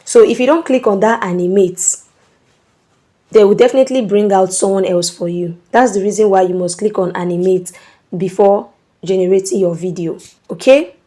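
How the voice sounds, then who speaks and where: The host of this screen-recording tutorial is a woman with a mellow, medium-pitched voice at normal speed. She explains steps with patience and an instructive manner, regularly asking "okay?" to check in.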